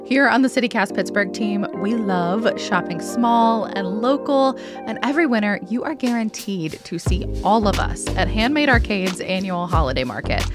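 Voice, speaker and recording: A woman with a medium-pitched voice hosts a podcast. She talks in a casual, chatty way and reads scripted copy in the same role, with music clearly behind her. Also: animated, moderate pace, hardly any pauses. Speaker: podcast host. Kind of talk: casual chat and scripted ad reading.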